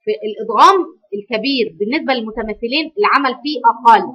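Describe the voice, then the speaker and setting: A woman with an Egyptian accent teaching a Quran recitation lesson, correcting her students and modeling phrases slowly and drawn out. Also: a little high, lo-fi sound. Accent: Egyptian Arabic. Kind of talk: online tajweed lesson.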